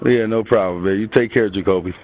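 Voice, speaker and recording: A man's voice: lowish voice, fast. A man answering the phone as a restaurant employee, talking in casual customer service style. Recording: tinny narrow phone line.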